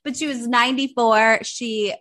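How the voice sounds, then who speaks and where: A woman's voice: on the high side, fairly even intonation, normal speed, a bit bright. A woman in her thirties co-hosting a podcast in casual chat, playful, jokey and a bit dramatic. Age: 30s. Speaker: podcast co-host.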